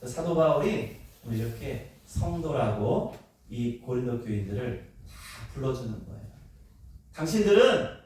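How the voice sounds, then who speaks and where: A middle-aged man preaching a sermon as pastor, animated, asking the congregation questions and acting out voices. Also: mid-range voice, moderate pace, far from the mic. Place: church sanctuary. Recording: echoey church hall, speaker away from the mic.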